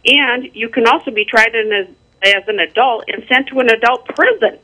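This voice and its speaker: A caller on a clipped phone line, talking casually and hesitantly with many pauses and ums. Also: mid-range voice, pushed and bright. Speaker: call-in listener. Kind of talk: casual call-in comments.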